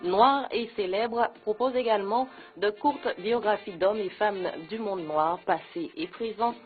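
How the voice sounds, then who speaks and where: A woman's voice: medium pitch, measured pace, faint music behind. Woman reading a news report. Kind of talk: scripted news narration. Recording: narrow phone-like audio.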